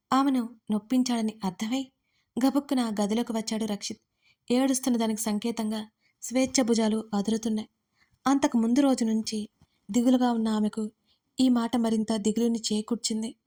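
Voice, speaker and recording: A woman narrating an audio story with a steady, expressive reading. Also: fairly high pitch.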